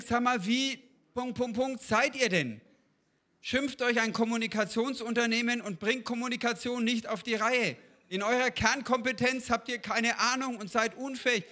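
A man's voice: high-pitched, sharp tone. A man giving an informal sermon in a conversational way, turning to his listeners with questions. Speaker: preacher.

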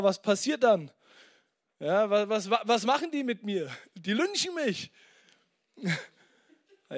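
A young man preaching a sermon, repeating key phrases and acting out his own past complaints. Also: high-pitched. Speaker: pastor.

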